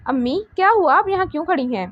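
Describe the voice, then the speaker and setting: A woman reading the lines of a young man comforting his sister in a soft, affectionate way. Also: high voice, expressive, quick pace, no room sound, dull audio. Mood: gentle. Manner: soothing, affectionate. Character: caring older brother, gentle and reassuring.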